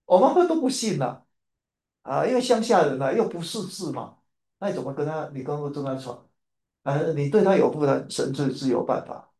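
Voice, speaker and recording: A man from Taiwan preaching a sermon, telling a family story in an animated way and repeating his phrases. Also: a little high, fairly quick, echoey room.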